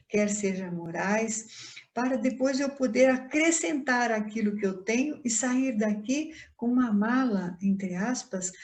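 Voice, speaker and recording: Reflective woman lecturing in an echoey room. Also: fairly high pitch. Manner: calm, reflective, gently explanatory. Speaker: guest speaker at a Spiritist center. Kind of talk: online Spiritist lecture.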